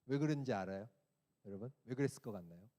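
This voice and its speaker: A man's voice: fairly low pitch, expressive, fast, mellow. A man, an assistant pastor, giving a sermon to a teen youth group, telling a personal story and asking the listeners questions.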